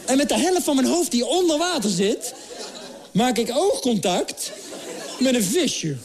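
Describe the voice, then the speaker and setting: A man's voice: extremely high pitch, a little slow, a crowd in the background. A man telling a comic story on stage, acting out the characters as he goes. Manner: animated, acts out characters in English and Dutch. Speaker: comedian. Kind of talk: stand-up storytelling.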